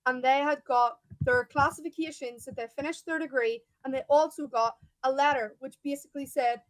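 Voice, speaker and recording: A young woman with an Irish accent argues her side bluntly and emphatically, often tripping over her words as she pushes on. Her voice sits high, and the recording is dry and close, with no room sound. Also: fairly even intonation, a little fast, no echo, poor audio. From Ireland. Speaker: guest debater. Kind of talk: heated debate.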